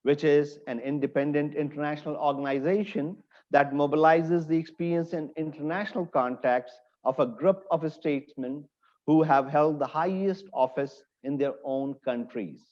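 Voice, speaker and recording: A man's voice: a little high, a little mellow, highs cut off. A man hosting an interview, reading a formal introduction and asking questions with some hesitation. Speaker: interview host.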